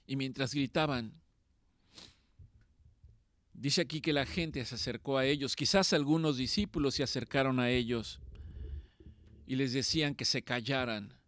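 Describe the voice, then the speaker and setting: A man preaching a sermon, swinging between loud pleading and quiet, slow passages. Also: medium pitch, no room sound.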